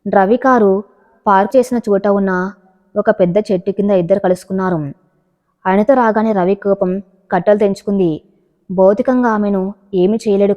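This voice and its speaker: A woman reading a Telugu family drama aloud as a storyteller, voicing each character's quoted lines in her own voice. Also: mid-range voice. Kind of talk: scripted narration of a family drama. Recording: dull lo-fi audio with a long echo.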